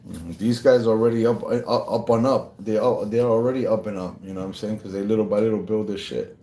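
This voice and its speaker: A man chatting casually in a slangy, rambling way, with many restarts, calling the listener bro and acting out the people he quotes in a higher voice. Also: fairly even intonation, a little fast, dark tone, slight background noise. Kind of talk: casual chat.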